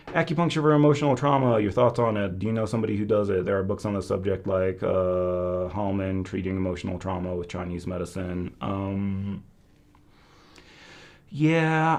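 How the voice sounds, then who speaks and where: A man's voice: sits low, darkish tone. A man hosting a casual live question-and-answer session, thinking aloud and qualifying what he says. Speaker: host of a Chinese medicine Q&A.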